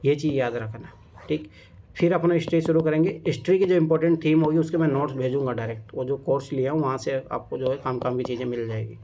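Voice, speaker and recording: A man's voice: medium pitch, fast, warm tone. A man teaching a casual exam-prep class, talking emphatically and checking often whether his students follow. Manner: emphatic, repeats "theek hai?" and "samajh mein aaya?". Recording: dull lo-fi classroom recording.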